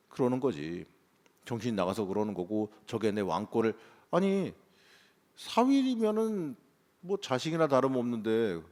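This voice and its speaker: A man's voice: medium pitch, a little mellow. A male pastor preaching a morning sermon, talking in a conversational way and rising into emphatic bursts. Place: church sanctuary. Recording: long church reverb.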